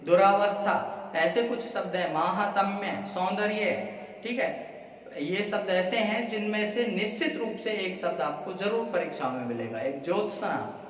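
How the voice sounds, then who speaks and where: A man teaching a classroom lesson, repeating words slowly and quizzing the class. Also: high voice. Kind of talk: classroom lecture. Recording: echoey room, voice from far off.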